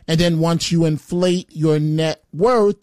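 A man's voice: fairly high pitch, steady tone, slow, darkish tone, smooth, dry recording, studio quality. A man hosting a talk radio show, delivering a chatty, combative opinion monologue with frequent fillers.

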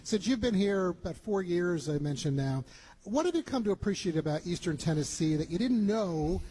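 A man's voice: sits high, animated, moderate pace, warm tone, slight background noise, low-quality recording. A man hosting a radio travel show, chatty and upbeat, with frequent fillers. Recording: music bed behind voice.

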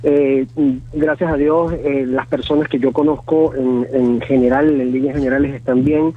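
A man in his thirties with a Venezuelan Spanish accent, calling in over a tinny phone line that thins his voice to a narrow band. His tone is husky, and he talks haltingly, with many fillers and restarts. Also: medium pitch, steady tone. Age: 30s. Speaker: phone guest. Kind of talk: phone interview.

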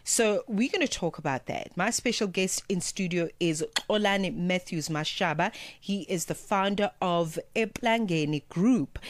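A woman hosting a radio talk show from a studio, speaking in a smooth, measured presenter style. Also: fairly low pitch, no room sound. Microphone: studio microphone.

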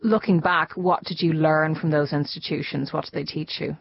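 A woman hosting an interview, asking smooth, prepared questions. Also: sits low, fairly even intonation, normal speed, dull audio, a little hiss or hum. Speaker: interviewer, host.

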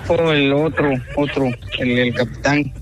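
A man's voice: mid-range voice, steady tone, a little slow, soft background music. A Guatemalan man in his twenties on a phone call, answering in short, hesitant replies. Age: 20s. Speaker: prank call target.

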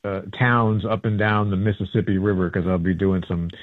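A man chatting as a radio show guest, easygoing and halting with fillers, heard over a tinny AM radio phone line. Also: low voice, steady tone, dry recording. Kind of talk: casual radio chat.

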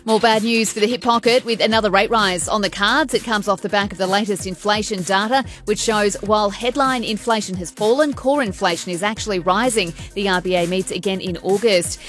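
A woman with an Australian accent reading a scripted radio news bulletin. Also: mid-range voice. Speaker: radio newsreader.

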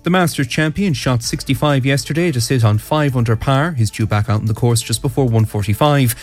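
A man's voice: mid-range voice, fairly quick. An Irish man reading a scripted radio bulletin as a news, weather and sport presenter. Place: radio studio. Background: music.

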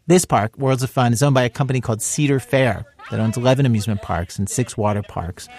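A man's voice: medium pitch, quick pace, a little mellow. A man narrating a scripted radio story as a reporter, in a conversational style.

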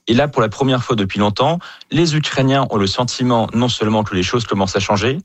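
A geopolitics professor from France, appearing as an expert guest, gives analytical answers in a French accent. His voice sits in the mid range, he talks fast, and there's no echo.

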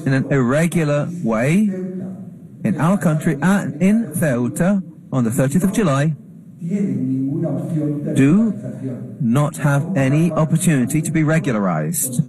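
A man giving a formal translation voice-over of an official's statement, speaking in a measured way in the first person. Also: fairly high pitch, expressive, crowd noise, poor audio. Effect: translation voice-over laid over the original speech. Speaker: interpreter.

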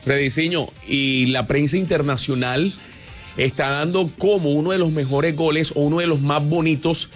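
A male radio co-host with a Colombian Caribbean accent and a somewhat high voice. He gives casual football opinions and banter over faint music. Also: moderate pace. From Barranquilla, Colombia.

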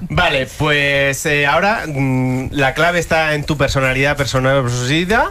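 A man hosting a radio show in a studio with a live audience, teasing his guests with quick-witted banter. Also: a little high, bright, forceful tone, slight background noise.

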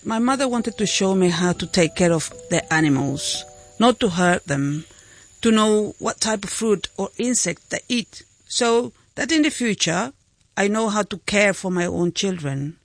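A woman reads an interpreted first-person voice-over in a gentle, steady way. Her voice is mid-pitched for a woman. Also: measured pace, dry recording.

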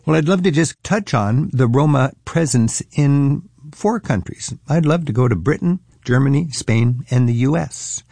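A man's voice: mid-range voice, lively intonation, moderate pace, creaky, hardly any pauses, a little mellow, no room sound. A man hosting an interview, curious and conversational, often rephrasing his questions as he goes. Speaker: interview host. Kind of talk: casual interview chat.

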